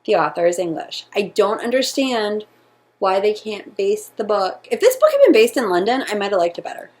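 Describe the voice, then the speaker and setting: A young American woman co-hosts a casual book review, speaking at an ordinary middle pitch. She talks in a loose, chatty way, full of "like" fillers and quick opinions. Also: sing-song, a little mellow. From United States. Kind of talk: casual chat.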